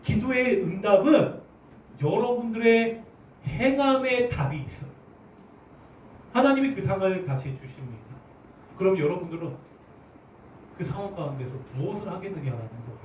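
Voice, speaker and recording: A man preaches to his congregation, his pitch swinging widely as he keeps putting questions to them. He sits a bit high for a man and is picked up from across a large, echoing church hall. The recording is muffled, with a faint murmur of room sound behind him. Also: slight background noise. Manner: animated, asks the congregation questions. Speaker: pastor. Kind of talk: sermon. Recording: roomy, distant, dull church recording.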